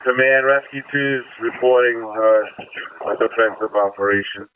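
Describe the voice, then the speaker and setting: A man's voice: mid-range voice, normal speed, a little hiss or hum. A man working as a fire dispatcher, procedurally repeating messages back over a two-way radio. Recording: distant, tinny narrowband radio channel.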